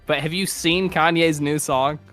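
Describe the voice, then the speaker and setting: A young man with a bright, slightly high voice cuts in with jokes and teasing questions during casual banter. Faint music plays in the background. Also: steady tone, measured pace. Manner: joking, teasing interjections with laughter. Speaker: podcast co-host. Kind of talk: casual chat.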